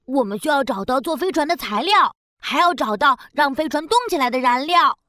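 A tiny, childlike alien, very high and bright, close and dry. It is earnest and a little plaintive, a lost visitor in a children's audio story. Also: female voice, expressive, brisk, dry recording. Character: small, big-eyed alien stranded on Earth, childlike and earnest.

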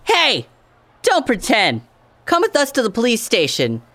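Woman voicing a cartoon dog cop, male, sneezing, high and lively, slow. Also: full character voice. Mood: stern. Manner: sneezing, earnest. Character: eager male dog police officer, sneezy.

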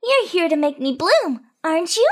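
A woman voicing an impatient, hopeful little seed in a storybook reading, excited and childlike. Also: very high-pitched, normal speed. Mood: eager.

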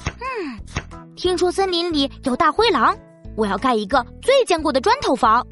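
Storybook smart little pig, played by a woman: assured, childlike, bright and lively. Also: high-pitched, moderate pace, faint music behind. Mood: reassuring, determined. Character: confident, steadfast young piglet, the sensible youngest brother. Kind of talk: children's audio story acting.

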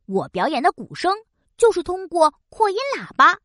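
A woman voicing a cheerful, excitable octopus magician in a children's audio story, with a theatrical, exclamatory manner. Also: very high voice, moderate pace, dry recording, clean studio sound, heavily acted. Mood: proud.

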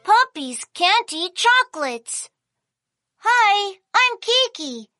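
A woman's voice: extremely high pitch, very animated, slow pace, sharp tone, no echo, studio quality, soft background music, exaggerated voice. A woman voicing a cheerful young panda who hosts a children's science cartoon, with a sing-song, childlike manner. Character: cheerful young panda host named Kiki. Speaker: host.

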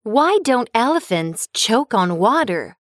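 A woman narrating a scripted children's cartoon story with a bright storytelling lilt. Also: a little high, big pitch swings, slow pace, over loud music.

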